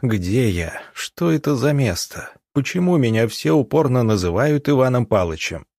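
A man's voice: medium pitch, big pitch swings, moderate pace, a little mellow, no room sound, clean studio sound. A man voicing a tired young country doctor who gives short, commanding orders. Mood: tired, curt.

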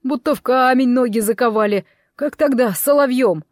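A woman voicing a weary, gloomy male warrior horse in a storybook, speaking slowly and dejectedly. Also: on the high side, no echo, studio quality, close to an everyday voice. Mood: glum. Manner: slow, dejected.

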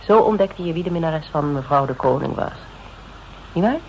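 An actress with a low, slightly mellow voice and lively intonation speaks at normal speed, playing a shrewd, mocking female interrogator in a radio drama. Her manner is needling and conversational, accusing and probing, on a noisy recording.

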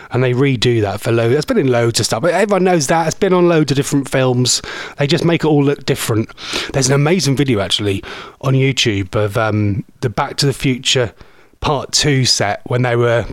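A man's voice: mid-range voice, no echo. A man hosting a radio show, chatting in a rambling, self-deprecating way from a studio microphone. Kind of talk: casual radio chat.

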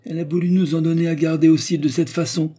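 A man's voice: on the high side, flat delivery, fast, dark tone, pitched above the performer's own voice, close to an everyday voice. A man voicing a proud, easily outraged baroness who exclaims shrilly. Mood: mocking.

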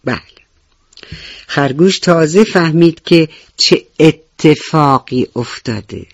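A woman storyteller narrating a scripted bedtime story and speaking to children in an animated way. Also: low voice, dry recording, muffled recording.

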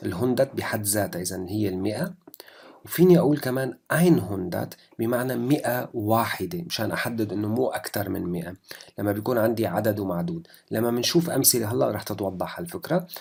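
A man's voice: lowish voice, a little mellow. A young man with a Levantine Arabic accent gives a German lesson, explaining rules and drilling number words one by one. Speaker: German teacher. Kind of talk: language lesson.

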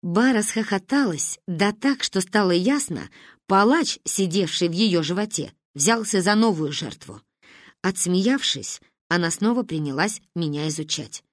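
A woman narrating a humorous story with lively, expressive delivery. Her pitch moves widely through every sentence, and the recording is close and dry with no room echo. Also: unhurried. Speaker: audiobook narrator.

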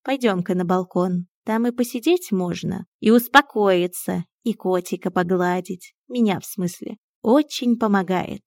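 A woman voicing a wise, sardonic old male talking cat who speaks in a slow, stern, mocking drawl. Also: medium pitch, a little mellow, no echo, clean studio sound, close to an everyday voice.

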